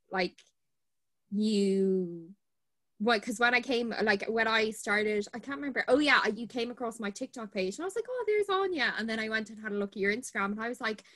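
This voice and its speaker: A woman's voice: mid-range voice, pushed and bright. A woman in her twenties with an Irish accent, hosting a podcast in an informal, conversational way. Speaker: podcast host, barrister.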